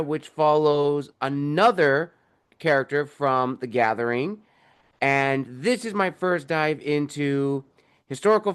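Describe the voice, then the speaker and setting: A young man speaks as an author guest on a video call, eager and chatty as he walks through his work. His voice is smooth and clear, pitched a little high for a man. He rambles a bit, with fillers and restarts along the way. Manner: enthusiastic, explains at length with fillers. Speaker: author and podcast host, guest here. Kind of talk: casual interview talk.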